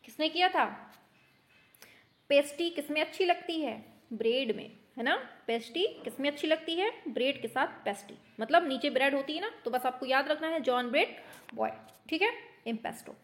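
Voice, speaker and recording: A woman teacher running a quick quiz lesson, brisk and teasing, scolding her students in mock anger as if they were children. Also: high-pitched, animated. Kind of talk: online exam-prep quiz lesson.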